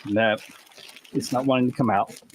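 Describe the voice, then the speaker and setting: A man's voice: medium pitch, steady tone, normal speed, a little hiss or hum. A man hosting a live-stream unboxing, narrating each step as he works and getting a little out of breath. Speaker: host unboxing a laser engraver.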